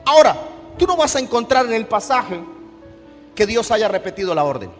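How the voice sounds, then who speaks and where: A man with a Colombian accent, a pastor preaching a sermon with call-and-response and shouted peaks. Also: high-pitched, sing-song, moderate pace. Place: church hall. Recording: echoey church hall with music.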